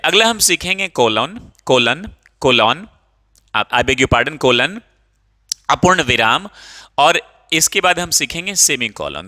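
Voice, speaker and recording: A young man teaching English grammar to a class, explaining step by step, reading example sentences slowly and checking often that students follow. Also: on the high side, bright, forceful tone. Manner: checks understanding often, calls students 'babu'.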